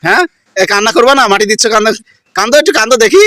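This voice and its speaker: A woman with a vlogging in a village, teasing and chatting fast while she addresses her viewers. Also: a little high, expressive, fairly bright tone, no echo. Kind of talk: village vlog narration to viewers. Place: outdoors in a village.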